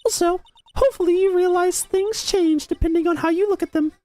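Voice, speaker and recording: A man in falsetto voicing a calm female boss lawyer who mentors her junior, in a parody fan dub. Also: a little fast, no echo. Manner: falsetto that drops to a deep voice.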